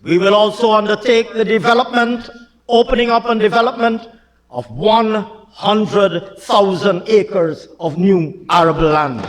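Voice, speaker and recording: A man speaking in a notably high voice gives a slow, deliberate parliamentary speech. He declaims, repeats lines for emphasis and often raises his voice to a shout. The sound carries a long echo from the chamber. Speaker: government minister addressing parliament.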